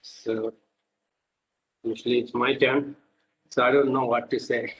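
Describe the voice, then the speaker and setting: Guy, pretty flat tone, hesitant, casual group share, bit of background noise. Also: mid-range voice, unhurried, rough recording. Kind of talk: informal sharing in a group session.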